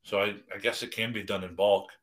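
Rambling low-voiced bright man. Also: flat delivery, fairly quick. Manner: rambling, self-deprecating, many restarts. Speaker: podcast co-host. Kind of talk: casual podcast banter.

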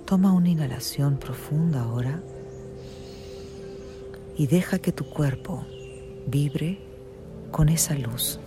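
Super slow soothing meditation voice, sleep story narrator vibe, hushed, mid pitch, music under it. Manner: soothing, hushed, with long pauses. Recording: music behind the voice.

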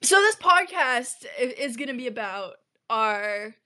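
A woman's voice: a little high, animated, unhurried, pushed and bright. Chatty young woman, full of "like". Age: young adult. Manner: chatty, rambling, lots of "like". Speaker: podcast co-host. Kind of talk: casual chat.

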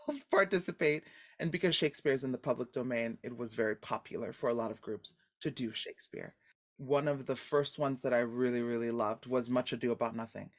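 Guesting on a casual podcast interview, a woman actor with a deep voice spins her stories with animated expression and frequent laughter.

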